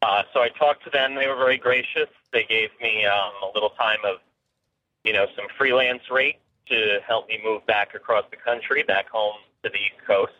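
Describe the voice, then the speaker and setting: A man's voice: on the low side, moderate pace. A man calling into a show on a speakerphone from his car, chatting casually with lots of ums and uhs. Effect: phone line on speakerphone. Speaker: caller. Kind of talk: casual call-in chat. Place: in his car on a snowy road. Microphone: phone on speaker. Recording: tinny phone line from a car.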